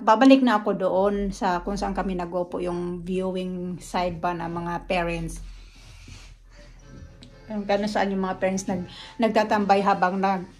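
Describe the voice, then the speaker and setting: A woman's voice: medium pitch, darkish tone. A woman from the Philippines, a family vlogger, telling a story in casual chat and often talking straight to her viewers. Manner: chatty storytelling, often addresses viewers directly.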